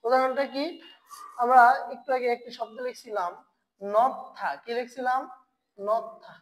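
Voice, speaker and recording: A woman teaching a language lesson. She asks her students questions, answers them herself, and draws syllables out slowly. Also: on the high side, fairly even intonation, poor audio. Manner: slow, drawn-out spelling of syllables.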